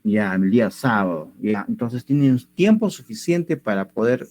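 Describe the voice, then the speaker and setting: A man's voice: fairly low pitch, expressive, normal speed, darkish tone, no echo. A male teacher giving an online language lesson over a computer mic, going step by step and checking that students follow. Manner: patient, step by step, keeps checking understanding.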